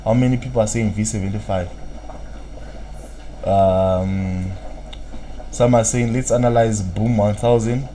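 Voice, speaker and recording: A low-voiced Zimbabwean trading analyst, whose first language is Shona, runs a casual live-stream market analysis, rambling and trailing off into "what, what" filler tags as he reads and answers viewers' comments. His warm, fairly even voice is unhurried and pauses often. The rough recording comes through a computer mic with a faint hiss underneath.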